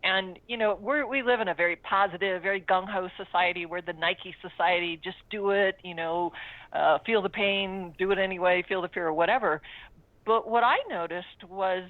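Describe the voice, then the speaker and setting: Mature female coach, lowish voice, earnest conversational storyteller, thin phone-like sound. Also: moderate pace, dry recording. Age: 50s or older. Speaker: coach, interview guest. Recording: dry, phone-like narrow-band sound.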